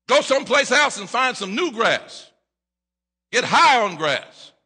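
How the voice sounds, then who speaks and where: A middle-aged man preaching a sermon at a lectern, acting out voices, repeating himself and rising to shouts. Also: extremely high pitch, sing-song, a little slow, slightly rough. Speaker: pastor. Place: church sanctuary at a lectern. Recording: long reverb of a church hall.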